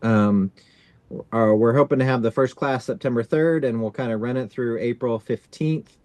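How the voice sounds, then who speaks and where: Man hosting a relaxed video call. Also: medium pitch, moderate pace, no echo. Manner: relaxed, many fillers like "kind of". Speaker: synod staff leading a video-call orientation.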